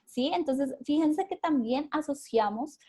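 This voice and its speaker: A woman's voice: high-pitched, lively intonation, unhurried, a little mellow. A Colombian woman leading an online workshop, explaining step by step with many fillers and repeated words. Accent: Colombian Spanish. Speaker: workshop facilitator. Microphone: video call.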